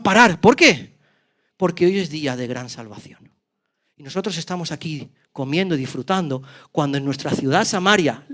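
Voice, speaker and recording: A male pastor tells a scripture story in church. His voice sits high and swings from loud, lively exclamations to sudden hushes. The delivery is dramatic and animated throughout. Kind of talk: sermon storytelling.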